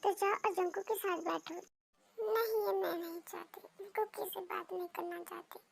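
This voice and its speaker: A woman doing a sulky young wife, soft spoken, storybook reading, gravelly high voice. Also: steady tone, normal speed, heavily acted.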